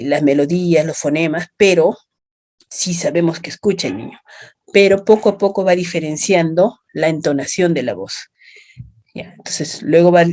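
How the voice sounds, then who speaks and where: Her voice low and a little mellow, a woman with a Peruvian accent gives an online lecture, laying out ideas step by step. She keeps checking that students understand by tacking on short tag questions.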